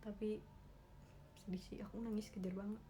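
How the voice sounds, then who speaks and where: A woman's voice: mid-range voice, level tone, a little fast, mellow, slight background noise. A young woman hosting a casual solo livestream from her room on a phone, chatting emotionally and animatedly with lots of fillers. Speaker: idol livestream host.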